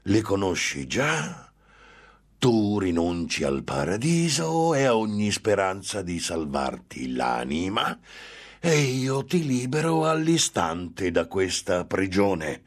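A man voicing a gloating, impatient male demon who tempts a monk, drawing out his words slowly and menacingly. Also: low-pitched, very animated, voice pushed up, heavily acted. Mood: taunting. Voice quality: slow, drawn-out menacing delivery.

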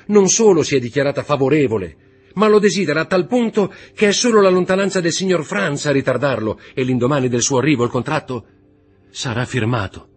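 A husky-voiced man voicing a distraught young noblewoman, lifting his voice high and crying out emotionally. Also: close to an everyday voice. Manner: raised pitch, emotional, cries out.

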